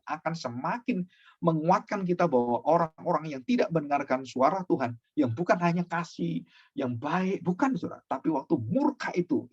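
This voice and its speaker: Pastor guy preaching, voice all over the place, kinda raspy. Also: on the high side, dull audio. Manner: animated preaching, often addressing listeners as brothers and sisters. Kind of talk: sermon.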